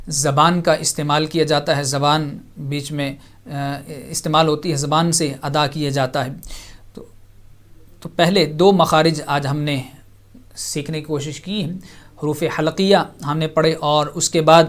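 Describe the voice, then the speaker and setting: TV Quran teacher and host, smooth clear tone, mid pitch, patient step-by-step letter drills. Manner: patient, demonstrates letter sounds by repeating them; explains pronunciation step by step with English loanwords. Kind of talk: televised Quran recitation lesson.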